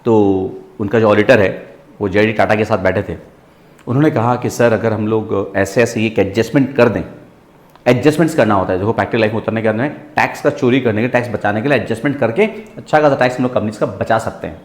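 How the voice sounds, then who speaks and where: A man teaching a business class in a lively lecture style, often checking in with his students. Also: lowish voice, fast, reverberant. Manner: lively, asks students rhetorical checks, mixes English into Hindi.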